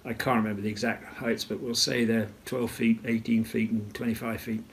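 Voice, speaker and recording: An older man recalls events at a measured storytelling pace in an interview, often clearing his throat. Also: on the low side, little pitch movement, slight background noise. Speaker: retired naval officer interviewee. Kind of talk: interview recollection.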